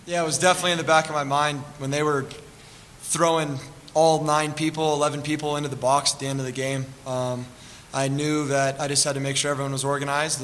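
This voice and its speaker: American man in his twenties, goalkeeper, post-game interview, brisk pace, flat intonation, reverberant hall, faint background noise. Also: medium pitch. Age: 20s. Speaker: college soccer goalkeeper. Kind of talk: post-game interview answers at a press table. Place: press conference table with backdrop. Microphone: table stand microphone.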